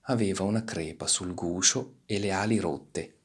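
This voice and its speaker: A man reading a children's storybook aloud with animated, expressive delivery. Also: low-pitched, normal speed, slightly rough. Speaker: narrator.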